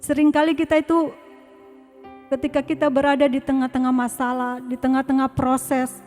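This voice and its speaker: A woman with a fairly high voice preaches an earnest church sermon, exhorting her listeners. She turns soft and quiet when recalling prayer, with faint music playing behind her. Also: level tone, normal speed. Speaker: church speaker. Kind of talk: sermon testimony.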